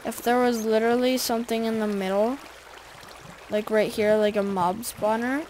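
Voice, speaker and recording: Female gamer, slightly high voice, unhurried rambling chat to viewers, faint keyboard clicks behind. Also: fairly even intonation, a little mellow, a little hiss or hum. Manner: rambling, chatty, talks straight to viewers. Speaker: gaming video creator. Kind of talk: casual gameplay commentary.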